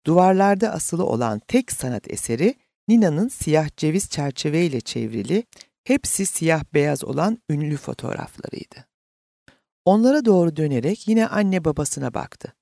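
Gravelly male audiobook narrator. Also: fairly high pitch, dark tone, dry recording, studio quality.

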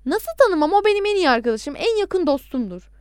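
A woman's voice: high voice, lively intonation, fast, no echo, studio quality, pitched above the performer's own voice. A woman reading the part of an adult man who pleads and insists on the phone, in an audiobook. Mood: pleading.

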